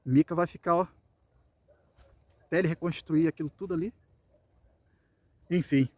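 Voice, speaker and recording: A man's voice: on the high side, fairly even intonation, moderate pace, no echo. A man with a Brazilian Portuguese accent, preaching a Bible lesson and explaining scripture in a conversational way. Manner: reads scripture then explains it conversationally, acting out voices. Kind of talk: Bible teaching sermon.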